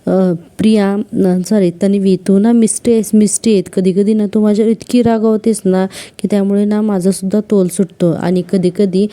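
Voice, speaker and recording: A woman's voice: mid-range voice, flat delivery, normal speed, warm tone, natural voice. A woman reading a caring doctor husband. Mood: affectionate.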